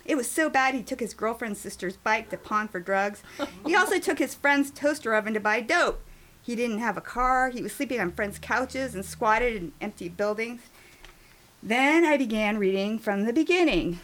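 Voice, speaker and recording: A woman's voice: fairly high pitch, lively intonation, normal speed, fairly bright tone, slight background noise. A woman in her fifties reading her own memoir aloud at a writing workshop, telling it expressively with dramatic emphasis.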